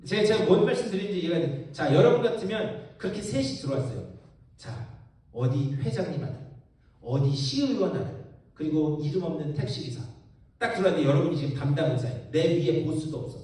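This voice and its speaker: A man's voice: a little high, lively intonation, fairly quick, warm tone. A male pastor giving a Bible-study sermon, telling a story with animation and asking the congregation questions, recorded in a church hall from far off. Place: church sanctuary.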